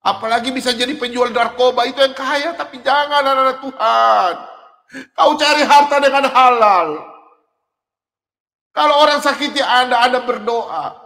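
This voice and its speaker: A middle-aged man preaching a sermon in an animated way, laughing and at times shouting. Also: very high voice, normal speed. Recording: long hall reverb.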